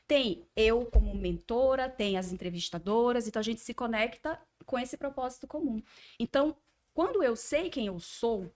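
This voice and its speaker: A woman's voice: fairly high pitch, moderate pace, a little mellow. A woman guest on a podcast, a communication mentor speaking fluently and explaining ideas at length.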